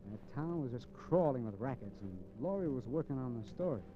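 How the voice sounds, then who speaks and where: Faint music sits under a muffled vintage 1950s radio recording as a male actor, the lead and first-person narrator, delivers reflective narration. He plays a cocky, restless drifter crook who wisecracks in slangy tough-guy style, his mid-range voice expressive, fairly quick, and near to ordinary speech.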